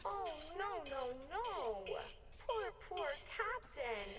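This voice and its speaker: A woman's voice: extremely high pitch, big pitch swings, extremely slow, crowd noise, heavily acted. A woman voicing a chirpy helper puppet in a game, with a bubbly, singsong delivery. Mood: sympathetic.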